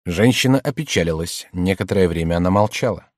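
A man narrating an audiobook in a steady storytelling manner. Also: deep voice, quick pace, no room sound, clean studio sound.

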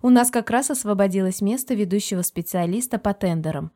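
A woman reading the part of a friendly chief engineer in his forties. He speaks politely and in a businesslike manner, in a mellow, darker tone. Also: mid-range voice, a little fast, close to an everyday voice. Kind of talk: audiobook character voice.

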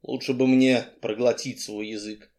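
A male reader playing a sly, gruff crime boss who mocks and blusters when pressed. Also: mid-range voice, flat delivery, moderate pace, a little mellow, voice pushed down, natural voice. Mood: mocking, blustering. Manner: mocking, blustering, evasive.

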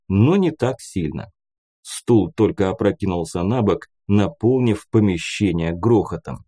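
Man narrating an audiobook, even pace, kinda low warm voice.

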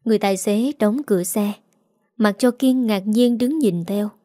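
Brief: woman storyteller, steady even read, dry close recording. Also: mid-range voice, moderate pace, no echo. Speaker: narrator. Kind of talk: storybook narration.

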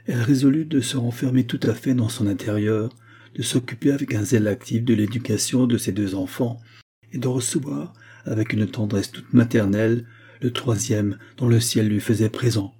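A man narrating a classic novel aloud in a measured, even storytelling manner. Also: medium pitch, husky. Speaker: audiobook narrator. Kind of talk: scripted literary narration.

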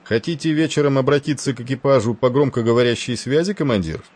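A man's voice: medium pitch, fast talker, a little mellow, pitched above the performer's own voice, close to an everyday voice. A man voicing a stern, curt male ship captain in an audiobook. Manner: curt and irritable.

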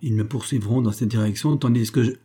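A desperate young man cornered by his past, as a man reads him, intense and accusing, pressing each point with urgency. The tone is dark and a little husky. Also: medium pitch, fairly even intonation, fast, lightly acted. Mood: urgent.

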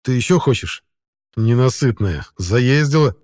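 A man's voice: medium pitch, expressive, measured pace, darkish tone, dry recording, clean studio sound, lightly acted. A male narrator voicing a smug, sleepy young man with a teasing, drowsy drawl in an audiobook.

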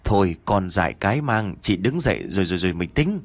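Man voicing a calm, reasoning older village woman in a spoken ghost story, low and level. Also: a little fast, no room sound, faint music behind, heavily acted.

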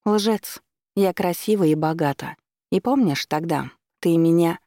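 A man voicing a spoiled, hysterical rich young woman who talks in a shrill, indignant way. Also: a little fast, warm tone, no echo, studio quality. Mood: sneering.

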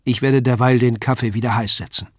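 A man reading an audiobook, voicing a kindly, motherly older woman with a lilt in a warm, bustling manner. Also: mid-range voice, fairly even intonation, fairly quick, no room sound, studio quality, lightly acted. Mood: fussing, kindly. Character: kindly elderly woman, a craftsman's wife. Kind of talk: audiobook character voice.

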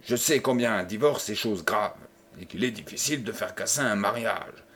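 A man voicing a cold, menacing old nobleman who speaks with sinister calm. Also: lowish voice, moderate pace, slightly rough. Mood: coldly menacing.

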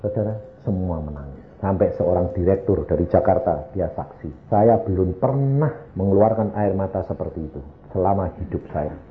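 An older man preaching a sermon, telling personal stories with sudden swings between loud, high exclamations and hushed, low asides. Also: moderate pace, hardly any pauses, soft background music. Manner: animated storyteller, sudden swings from loud highs to hushed lows. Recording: tinny lo-fi echoey hall recording.

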